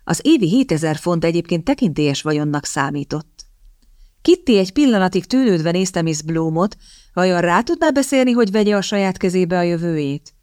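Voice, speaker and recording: Woman, audiobook narrator, low voice, measured expressive reading, dry close sound. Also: dry recording. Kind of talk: scripted narration.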